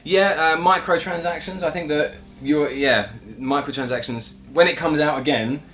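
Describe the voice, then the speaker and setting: A man's voice: a little high, steady tone, moderate pace, fairly bright tone. A young man co-hosting a casual gaming chat, laid-back and agreeable with a dry manner. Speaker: co-host of gaming chat show.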